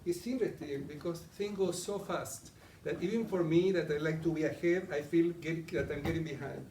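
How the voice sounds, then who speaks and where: Before a live audience in a meeting room, a middle-aged man with an Argentinian accent presents conversationally as a coach and asks questions of the crowd. His voice is on the high side, fairly quick and a little mellow, recorded far from the mic in an echoey space with slight background noise.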